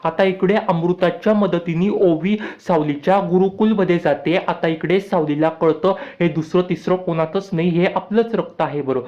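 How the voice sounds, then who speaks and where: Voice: mid-range voice, normal speed, hardly any pauses, dark tone. Repetitive recap narrator, dull audio. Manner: repetitive storytelling, frequent connecting phrases.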